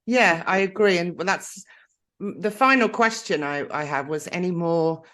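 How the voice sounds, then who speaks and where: A woman's voice: fairly low pitch, a little slow, a bit bright. A woman hosting a podcast interview, encouraging and openly emotional with her guest. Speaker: podcast host.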